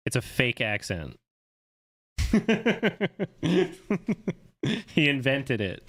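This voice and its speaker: A man in his thirties from Canada chats casually on a live stream and cracks sarcastic jokes. His voice sits at an ordinary middle pitch. The talk is loose and off the cuff. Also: big pitch swings, fairly bright tone. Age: 30s. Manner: sarcastic, quick to joke. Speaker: guest film critic.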